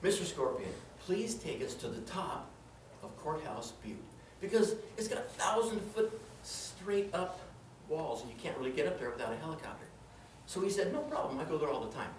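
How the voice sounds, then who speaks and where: This tall tales contestant has a voice on the high side and is very animated, speaking at normal speed. He tells his comedic story dramatically to a live audience in an indoor room, exclaiming and acting out quotes, while the distant mic picks up plenty of echo and noise.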